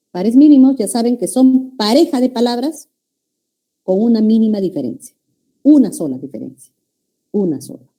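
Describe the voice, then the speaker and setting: Peruvian woman teacher, dark mellow tone, explains step by step and checks in with the class. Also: on the high side. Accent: Peruvian Spanish. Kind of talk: university-prep lecture.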